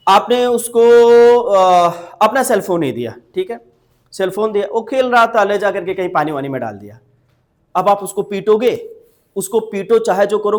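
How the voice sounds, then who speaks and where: A man with a high-pitched voice gives a spoken English lesson. He explains in Hindi, asks his listeners questions, and drills each English phrase slowly and more than once. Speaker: English teacher.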